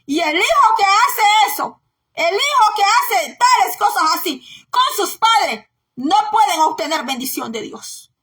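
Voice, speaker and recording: A woman's voice: very high voice, big pitch swings, a little slow, pushed and bright. A woman preaching a sermon with emphatic, scolding exhortation, often raising her voice and repeating phrases for emphasis.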